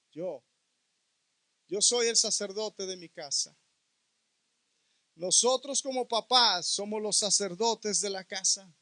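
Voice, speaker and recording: Male preacher, piercing bright tone, emphatic delivery. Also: sits high, dry recording. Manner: emphatic, rising to near shouts on key words. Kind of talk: sermon.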